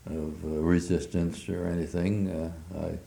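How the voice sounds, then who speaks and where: An older man's extremely deep, mellow voice, flat and creaky, recounts memories in an oral history interview. He speaks in fits and starts, padding pauses with many hesitations, and the recording echoes around a roomy space.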